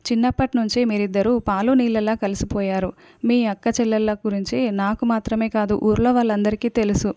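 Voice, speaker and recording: Female reader as gentle old grandfather, level delivery, dry close sound. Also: mid-range voice, steady tone, quick pace, no echo, lightly acted. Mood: concerned. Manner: gentle, advising. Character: kindly elderly grandfather figure, man.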